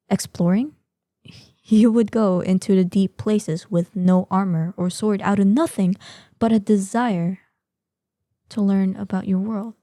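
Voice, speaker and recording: Stern and exasperated, a woman voices an ancient dragoness wearing human shape, proud and imperious, for a scripted fantasy audio drama monologue. Her medium-pitched voice is very dark with soft edges, and her formal, archaic lines arrive slowly, each carrying measured weight. It's captured close-up in a dry recording.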